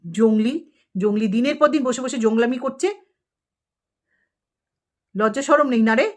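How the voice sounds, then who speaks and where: A woman's voice: on the high side, measured pace. Scolding woman ranting on her vlog. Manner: scolding, insulting, rhetorical questions. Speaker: vlogger. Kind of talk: angry rant at a rival.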